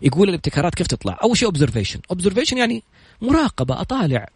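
Fast-talking husky Saudi man. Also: sits high, dry recording. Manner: rapid, animated, retells others' stories. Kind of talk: motivational storytelling monologue.

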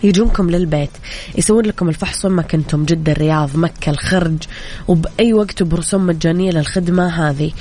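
A woman hosting a radio call-in quiz, friendly and brisk with callers. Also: lowish voice, warm tone, a little hiss or hum. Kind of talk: lively radio call-in show.

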